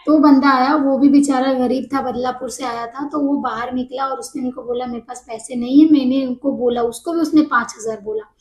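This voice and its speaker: A woman casually telling a personal story to camera, animated and mixing English words into her speech. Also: high-pitched, roomy sound, poor audio.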